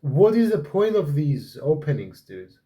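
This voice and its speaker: A man's voice: fairly high pitch, very animated, a little slow, mellow. A man hosting a casual study chat. He talks hesitantly, restarts his sentences and teases his partner. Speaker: student and podcast host.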